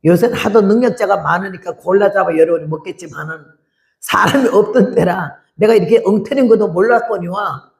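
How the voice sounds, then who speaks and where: A woman in her eighties, a missionary, giving an animated testimony sermon and acting out the voices in her story. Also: medium pitch, a little fast, vocal fry. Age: 80s.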